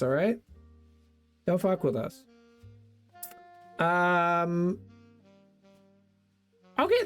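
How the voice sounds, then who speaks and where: A young male streamer chats casually with his viewers in a lively, swooping voice, reading out old jokes and laughing at his own lines. Faint guitar music plays behind him. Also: high-pitched. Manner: reads old joke notes aloud, laughing at himself, thanking donors. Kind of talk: casual livestream chat.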